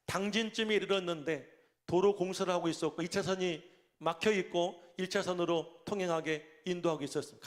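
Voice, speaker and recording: A middle-aged man, a senior pastor, preaching a sermon through lively personal stories. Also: sits high. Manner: animated storytelling, acting out angry quotes. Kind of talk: storytelling sermon.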